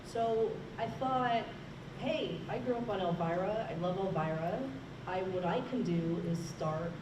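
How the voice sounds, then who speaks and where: A woman's voice: medium pitch, unhurried. A woman, a horror host, casually telling anecdotes about her work on a convention panel. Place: large room at a convention, panel. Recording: roomy, distant, noisy convention hall recording.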